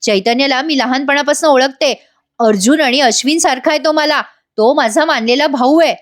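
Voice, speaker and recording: An indignant young wife who scolds sharply and stands her ground, voiced by a woman. The voice is high, and the tone stays reproachful. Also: normal speed, natural voice.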